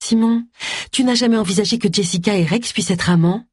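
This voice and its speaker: A woman's voice: mid-range voice, fairly quick, darkish tone, breathy edge, no room sound, clean studio sound, pitched above the performer's own voice, natural voice. A woman reading aloud voices a curious, slightly fretful man who asks many questions.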